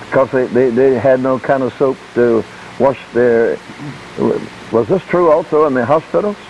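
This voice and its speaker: A man's voice: medium pitch, moderate pace, a little mellow, a little hiss or hum. A man interviewing over a phone line. He asks short questions and murmurs agreement. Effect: heard over a phone line.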